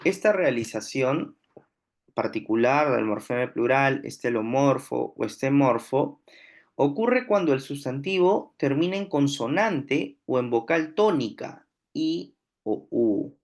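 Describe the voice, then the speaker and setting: A man's voice: mid-range voice, lively intonation. A man teaching a grammar lesson, explaining step by step and often checking with his students. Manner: slow, deliberate explaining with frequent checks "¿no?". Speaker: language teacher.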